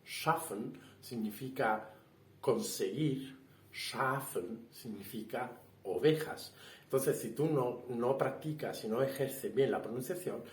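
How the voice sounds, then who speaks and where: A man's voice: mid-range voice, unhurried, darkish tone. A man giving a casual spoken language lesson, explaining with fillers, restarts and rhetorical questions. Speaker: language teacher. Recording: roomy echo, somewhat far from the mic.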